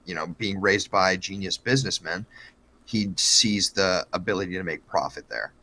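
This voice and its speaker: A man's voice: low voice, normal speed, sharp tone. A man co-hosting a podcast, telling a true-crime story in a joking, profane, casual way. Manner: joking, profane, lots of fillers.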